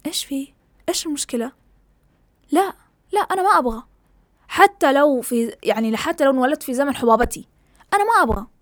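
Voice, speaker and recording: Young woman venting to camera, talks super fast, dry close sound, drops english words here and there. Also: high voice, no room sound. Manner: impassioned, ranting, mixes in English words. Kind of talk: casual opinion monologue.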